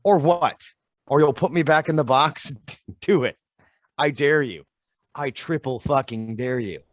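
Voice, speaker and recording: An actor as a weary young man, slow. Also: mid-range voice, animated, no room sound. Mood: angry. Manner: slow, tired and strained. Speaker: actor in a play reading. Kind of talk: online play reading. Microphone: video call.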